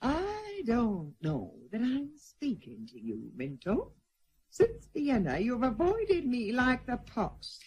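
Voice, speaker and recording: A woman's voice: fairly high pitch, wildly swooping pitch, slow pace, darkish tone, husky, full character voice. An actress in a radio drama playing a vain, coarse, boozy aristocratic lady with a gushing, blowsy manner. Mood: teasing, coarse. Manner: gushing, blowsy, swinging from grand to vulgar.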